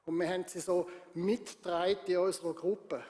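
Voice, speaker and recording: A man's voice: high voice, level tone, brisk, warm tone, in a large hall. A male pastor with a Swiss German accent, preaching a sermon with emphatic, repetitive phrasing that builds in volume.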